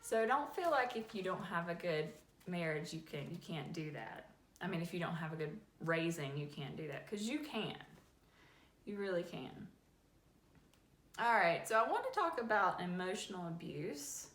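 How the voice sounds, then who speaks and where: A woman hosting a faith-based advice talk, folksy and animated. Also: fairly low pitch, normal speed. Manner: folksy and animated, acts out little scenes. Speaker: host. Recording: echoey room with faint ambient noise.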